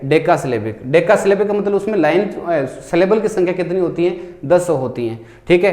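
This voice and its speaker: A male tutor, speaking in a fairly high voice. He asks his listeners questions and then answers them himself, and he reads English quiz lines out slowly, one word at a time. The room around him is echoey. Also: a little mellow. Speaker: teacher. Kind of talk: exam-prep lecture.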